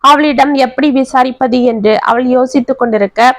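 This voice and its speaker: Woman storyteller, high voice, dry close recording, steady expressive reading. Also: brisk, dry recording. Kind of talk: scripted story narration.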